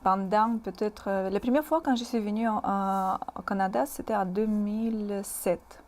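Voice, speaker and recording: A Moscow woman in her thirties speaks French as a second language with a Russian accent, appearing as a guest in a casual interview at a community TV studio. She talks hesitantly, with many fillers and pauses, in a medium-pitched voice with fairly even intonation. A little hiss or hum is audible.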